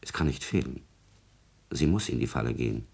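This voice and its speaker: With a very deep, husky male voice marked by vocal fry and a little mellowness, the actor gives an exaggerated, expressive, brisk turn as a servile court secretary who schemes in a classical radio drama. Formal and obsequious, he insinuates and calculates, sounding coldly calculating.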